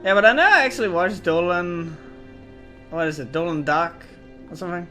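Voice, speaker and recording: A man's voice: sits high, moderate pace, sharp tone, soft background music. A man casually commenting on a video game as he plays, rambling, swearing and joking. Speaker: let's play host.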